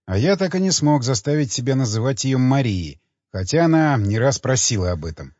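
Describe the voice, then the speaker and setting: A man narrating a thriller in the first person as an audiobook reader, with expressive, lively intonation. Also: medium pitch, brisk, no echo, lo-fi sound.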